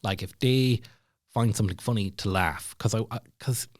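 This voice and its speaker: Guesting on a podcast, this Irish former comedy club MC chats loosely, spinning stories that wander and make fun of himself. He speaks at normal speed in a voice on the low side, captured as clean studio sound without room noise.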